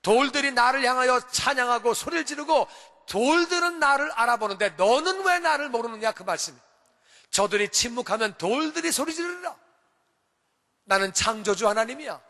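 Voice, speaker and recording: A man's voice: extremely high pitch, lively intonation, fairly quick, sharp tone, in a large hall. A male pastor preaching a sermon in an emphatic, repetitive way, pressing his points again and again with rising calls. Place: church sanctuary.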